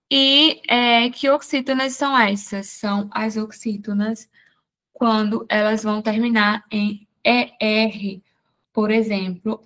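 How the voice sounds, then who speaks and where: A woman teaching an exam-prep grammar lesson, explaining step by step and asking herself quick rhetorical questions. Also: a little high, a bit bright. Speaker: Portuguese teacher.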